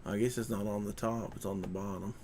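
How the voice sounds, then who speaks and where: A man with a gravelly, creaky voice talks casually to himself while he works. His manner is folksy and colloquial, often muttered as he thinks out loud. There is some background noise, with room ambience and clicking. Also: fairly low pitch, fairly even intonation, brisk. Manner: folksy, colloquial grammar with ain't. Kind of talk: casual chat while working at a computer.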